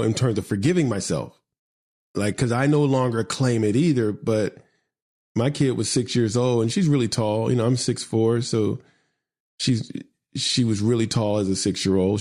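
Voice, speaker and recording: A man's voice: fairly low pitch, a little mellow. A middle-aged man hosting a podcast, telling stories with animation and emphasis and reading a poem aloud. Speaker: podcast host. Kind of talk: conversational storytelling and poetry reading.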